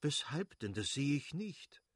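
A man voicing a good-natured, effusive middle-aged nobleman who pleads warmly with his brother-in-law. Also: fairly high pitch, big pitch swings, unhurried, no echo, clean studio sound, pitched above the performer's own voice. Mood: effusive pleading. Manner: warm, effusive, imploring.

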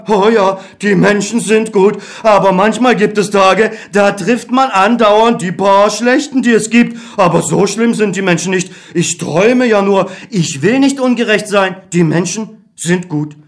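A man voicing a weary, bitter young ex-soldier who speaks with mocking irony, in a dramatic reading of a stage play. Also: high-pitched.

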